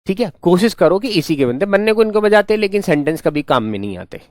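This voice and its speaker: A man's voice: high voice, very animated, fast talker, no echo, clean studio sound. Patient male grammar teacher. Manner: patient, repetitive, calls students "son". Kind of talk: online class lecture.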